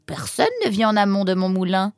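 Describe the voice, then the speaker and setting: A woman voicing a fussy, excitable female animal who keeps a mill, exclaiming in a high voice. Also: fairly quick, no echo, studio quality, natural voice. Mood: amazed. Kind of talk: storybook character voice.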